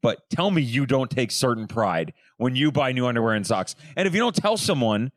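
A man's voice: mid-range voice, big pitch swings, fairly quick, no echo. A man co-hosting a casual podcast, playful and wisecracking as he tells stories. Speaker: podcast co-host. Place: home room called Florida room.

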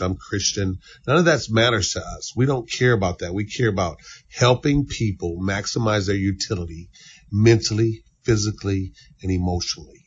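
Husky low-voiced man, heartfelt and earnest. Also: lo-fi sound. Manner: earnest, heartfelt, repeats for emphasis. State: tearful. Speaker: former baseball executive, youth training center owner. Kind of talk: emotional interview answers.

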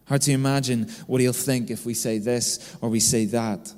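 A man's voice: medium pitch, steady tone, moderate pace, a little mellow. Man preaching in a reverberant hall. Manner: storytelling, keeps adding "right?" tags. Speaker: pastor. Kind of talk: conversational sermon.

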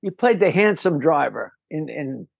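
High-voiced older man telling rambling stories. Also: moderate pace, gravelly, slightly rough, no room sound. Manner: lively, rambling storyteller who breaks off and restarts with a laugh. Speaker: guest comedian. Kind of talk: casual storytelling interview.

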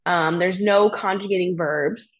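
A young American woman, a fitness coach appearing as a podcast guest, chats casually and explains things from her own life conversationally. Her voice is on the low side and unhurried, and the audio is dull.

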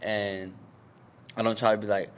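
A man's voice: lowish voice, flat delivery, moderate pace, slight background noise. A young adult man who works as a teacher, giving earnest, plain-spoken advice in casual chat.

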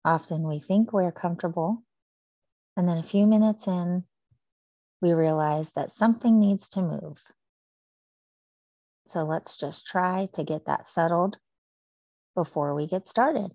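A woman guides a breathing meditation in a slow, soothing manner with long pauses. Her voice sits low and mellow. The recording is dry and slightly dull. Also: no room sound.

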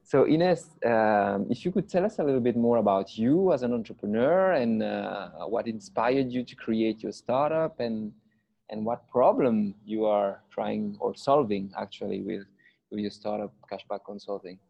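A man's voice: lowish voice, normal speed, creaky, lo-fi sound. A man hosting a podcast interview, introducing and questioning a guest. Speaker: podcast host.

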